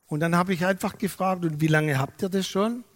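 A man preaching a sermon, telling stories lively and acting out the dialogue. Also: high-pitched, brisk, in a large hall. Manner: lively storytelling, acts out dialogue. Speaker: pastor.

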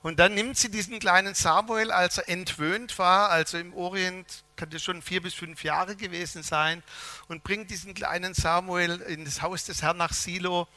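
A man preaching a sermon to a congregation, telling humorous stories in a lively way and often changing how loudly he speaks. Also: high voice, normal speed, no room sound. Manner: lively, humorous storytelling with shifts of loudness.

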